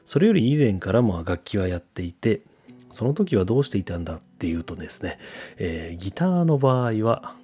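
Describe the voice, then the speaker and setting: A deep-voiced man hosts a laid-back solo radio talk, answering a listener in an easygoing, chatty manner. He often fills pauses with a drawn-out "um", and soft guitar music sits faintly underneath. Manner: relaxed and chatty, frequent "um" fillers. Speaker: podcast radio host.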